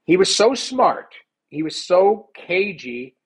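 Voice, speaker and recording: A man, a former hockey goalie, telling stories in a casual interview, animated and rambling with many fillers. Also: sits high, slow, slightly rough, rough recording.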